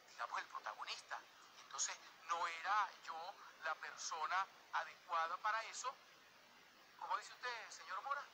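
Animated man telling stories. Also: high voice, background noise. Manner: animated, dramatic, acts out scenes. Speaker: actor, guest storyteller. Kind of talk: anecdote-telling on a TV variety show.

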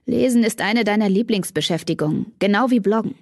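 A woman's voice: mid-range voice, fairly quick, no room sound, lightly acted. A woman voicing a cocky, teasing teenage boy in an audiobook, read with a dry, close sound. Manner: teasing, smug.

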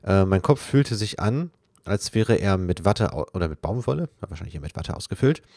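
A man doing a let's play, reading a story aloud as he translates it, haltingly and correcting himself. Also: low voice, expressive, creaky, a little mellow, dry recording, clean studio sound. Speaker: let's player reading and translating a visual novel. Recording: game music faintly behind. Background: faint game soundtrack.

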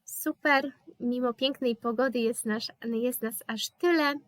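A woman's voice: a little high, a little slow, no echo, studio quality. A woman with a Polish accent teaching German in a live online lesson, explaining patiently with hesitant fillers.

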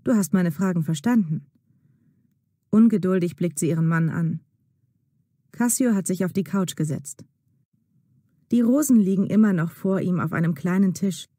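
A woman narrating a story slowly and clearly for language learners. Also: lowish voice, dark tone, no room sound, clean studio sound. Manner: slow, clear, deliberate reading.

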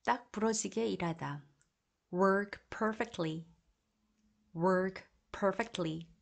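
A woman reading an English vocabulary drill as a teacher, saying each phrase twice in a slow, deliberate way. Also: mid-range voice, gravelly.

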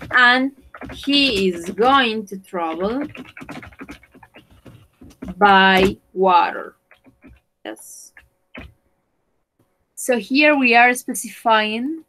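Woman, English teacher, slow careful delivery, bilingual lesson, mid-pitched voice. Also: fairly bright tone, rough recording. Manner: slow, careful, switching between English and Spanish.

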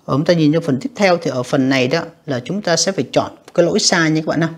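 Husky-voiced teacher. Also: medium pitch. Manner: patient, repetitive explaining with frequent tag particles; reads English words slowly and carefully. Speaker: English teacher. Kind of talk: exam review lesson.

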